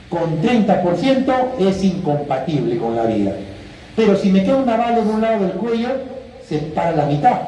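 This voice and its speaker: A male physiology lecturer who quizzes his students, sometimes acting out patients and students in a lively way. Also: high-pitched. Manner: quizzes students with questions and answer options; animated, acts out patients and students. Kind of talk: classroom lecture. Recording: echoey room, distant mic, faint hiss.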